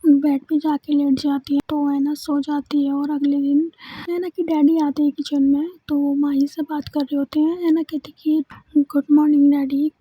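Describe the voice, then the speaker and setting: A woman's voice: high voice, flat delivery, normal speed. A woman telling a story casually, stringing it together with a constant verbal filler. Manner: repeats the filler "is it not" constantly. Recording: dull lo-fi recording.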